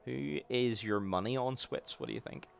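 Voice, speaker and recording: A chatty man commentates a sim race with a relaxed, rambling flow and plenty of fillers. His voice sits at a medium pitch and comes through a dull, lo-fi stream mic. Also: normal speed, gravelly, slight background noise. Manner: chatty, laughs easily, many fillers. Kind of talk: casual live race commentary.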